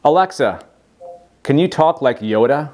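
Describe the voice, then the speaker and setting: Lively man hosting a tech demo. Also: on the high side, a little slow, soft background music. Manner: lively, amused, asking the device questions. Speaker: host demonstrating a voice assistant. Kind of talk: casual tech demo narration.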